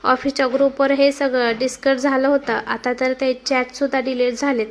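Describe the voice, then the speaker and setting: A woman voicing a chatty, playful young woman coworker who passes on gossip in a hushed voice. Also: high-pitched, flat delivery, moderate pace, slight background noise. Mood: gossipy.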